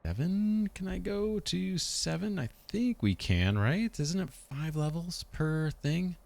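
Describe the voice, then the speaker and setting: A man hosting a let's play, thinking aloud in an unhurried way and asking himself questions as he plans. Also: a little high, expressive, creaky, darkish tone, no room sound. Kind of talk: thinking aloud while playing a strategy game.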